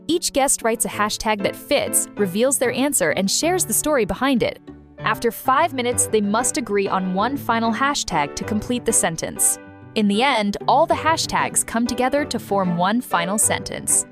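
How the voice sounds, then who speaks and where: A woman giving scripted narration that explains the rules of a show clearly. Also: fairly high pitch, animated, moderate pace. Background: music.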